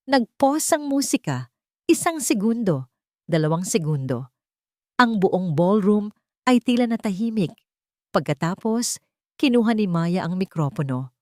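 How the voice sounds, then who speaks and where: In a dry, clean studio recording, a Filipino-accented woman reads a dramatic scripted story as its narrator. Her voice is medium in pitch and a little mellow.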